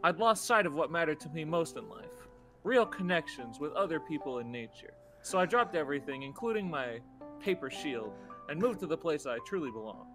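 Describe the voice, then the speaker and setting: A man's voice: fairly high pitch, lively intonation, a little fast, close to an everyday voice. A man voicing his character's grandfather as a young man, reading a heartfelt letter aloud in a casual way, with game music behind. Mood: earnest.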